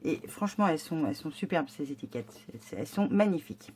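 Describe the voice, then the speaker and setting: A woman's voice: low-pitched, lively intonation, quick pace, a little mellow, slight background noise. A woman chatting casually as she unboxes a monthly scrapbooking box, enthusiastic and hesitant, with many fillers and restarts. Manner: enthusiastic about the items. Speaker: scrapbooking vlogger.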